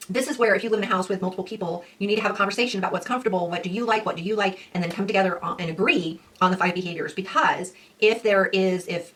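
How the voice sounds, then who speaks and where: A woman dog trainer giving a casual lesson, lively, acting out owners and dogs in quick quoted voices. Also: on the low side, distant mic. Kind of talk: casual instructional talk.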